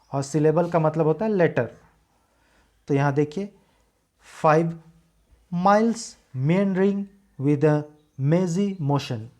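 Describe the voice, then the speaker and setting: A man teaching a lesson from slides, explaining carefully, repeating key words and reading English lines slowly with heavy stress. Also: on the high side, darkish tone.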